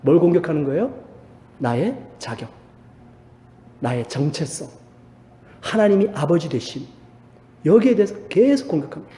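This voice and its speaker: A male pastor preaching in a church, his mellow voice swinging widely in pitch. He asks his listeners questions and then answers them. The sound carries a long reverb from a roomy sanctuary. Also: very animated, normal speed, pauses often. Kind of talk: sermon. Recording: echoey church hall reverb.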